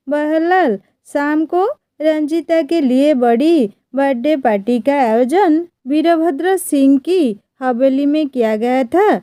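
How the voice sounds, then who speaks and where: A woman narrating a scripted romantic story in a slow, even storybook manner. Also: sits high, dry recording.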